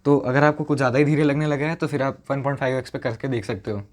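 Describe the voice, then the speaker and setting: A young male maths teacher explains a lesson in a casual, chatty way. He switches freely between Hindi and English and says each definition slowly, several times over. Now and then he drops a joking aside to his viewers. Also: mid-range voice, steady tone.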